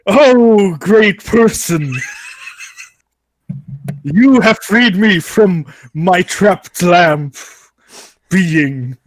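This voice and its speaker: Man playing a slow, grandiose genie. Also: high-pitched, animated, no room sound, exaggerated voice, rough recording. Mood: grand. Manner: theatrical, proclaiming genie speech with drawn-out words. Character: grandiose male genie freed from a lamp.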